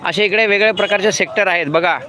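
A man's voice: sits high, racing, bright, forceful tone. Middle-aged guy walking outside at night, chatty vlog, lots of um and restarts, bit of street noise. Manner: chatty, with many fillers and restarts. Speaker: vlogger. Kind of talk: live-stream walking vlog. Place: outdoors on a city road at night.

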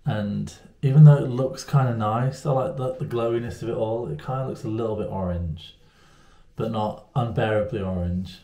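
A vlogger with a fairly low, dark voice chats casually to camera in a small room at home, rambling and poking fun at himself. He speaks at a moderate pace, and the camera sits at arm's length, giving the recording a roomy echo.

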